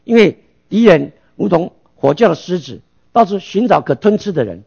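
A man's voice: high-pitched, sing-song, moderate pace, creaky, darkish tone, slightly rough, lo-fi sound. A male pastor preaching a sermon, asking rhetorical questions and answering them himself.

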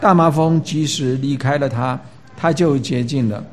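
A man's voice: mid-range voice, normal speed. Emphatic man preaching a sermon. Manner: emphatic, rising for stress, with frequent filler hesitations. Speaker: pastor. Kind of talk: sermon with scripture reading and prayer.

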